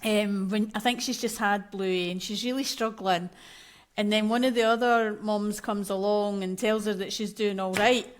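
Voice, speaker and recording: A Scottish woman in her thirties speaks as a podcast guest. Her voice sits at a middle pitch, and her talk is candid, chatty and quick to laughter. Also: fairly even intonation. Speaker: podcast guest, maternal mental health coach. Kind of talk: conversational interview.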